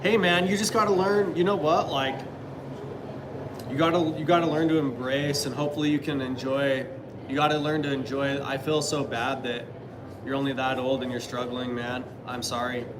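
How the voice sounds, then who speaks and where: A man in his thirties talks loosely to his live-stream viewers in a middle-pitched voice. He rambles and hedges, with many fillers and restarts. A steady noise runs under the recording. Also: moderate pace. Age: 30s. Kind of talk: casual live-stream chat reading viewer comments.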